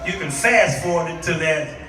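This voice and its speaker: Preaching to a congregation in a church hall, a middle-aged American guest preacher from Chicago turns nostalgic and theatrical, exclaiming and posing rhetorical questions. He speaks at normal speed in a fairly high pitch. The hall is echoey and the microphone is distant.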